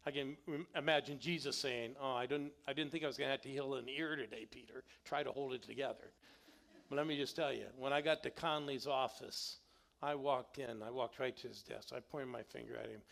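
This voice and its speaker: A middle-aged guest pastor tells stories in a sermon inside a church sanctuary, animatedly calling on the congregation to answer back. His voice is mid-range with vocal fry, and he talks fairly quickly.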